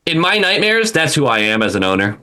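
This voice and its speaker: Lively-voiced man chatting on a podcast. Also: a little high. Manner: animated, laughs often, talks in quick restarts. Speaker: podcast co-host. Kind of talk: casual chat.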